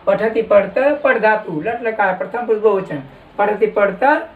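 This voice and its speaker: A man teaching a classroom lesson, slowly dictating words for students to copy. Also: high voice, narrow, tinny audio, a little hiss or hum. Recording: echoey room from far off.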